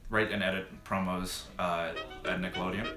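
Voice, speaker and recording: A man in his twenties answering interview questions in a relaxed way with hesitant fillers. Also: deep voice, normal speed, faint music behind. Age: 20s. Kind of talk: casual interview. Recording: echoey room.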